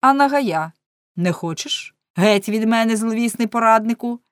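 A woman reading aloud, voicing a proud, angry nobleman count who shouts commands and brushes people off, in a storybook reading. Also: mid-range voice, unhurried, clear, resonant tone, no echo, clean studio sound, lightly acted. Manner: loud, commanding, dismissive.

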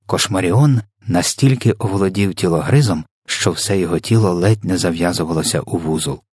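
Husky low-voiced male storyteller. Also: fairly quick, dry recording, clean studio sound. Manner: expressive, dramatic reading. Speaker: audiobook reader. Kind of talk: scripted storybook narration.

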